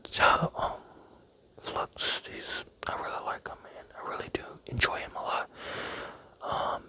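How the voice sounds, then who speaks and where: A young male ASMR creator rambles playfully in a close-miked whisper with a sharp tone. He takes his time and fills his speech with plenty of fillers.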